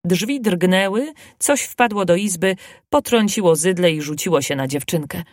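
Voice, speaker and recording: Woman narrator, storybook reading, lively melodic pitch, dry close sound. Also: normal speed, no echo.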